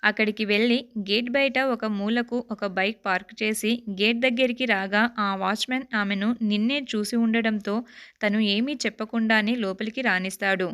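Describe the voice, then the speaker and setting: A woman narrating a romantic story in a steady, expressive reading voice. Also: mid-range voice, moderate pace, smooth.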